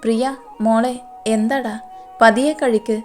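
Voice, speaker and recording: A woman's voice: a little high, fairly even intonation, unhurried, faint music behind, lightly acted. A woman voicing a caring young man who comforts his younger cousin in a soothing, coaxing way. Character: gentle protective older cousin, young man.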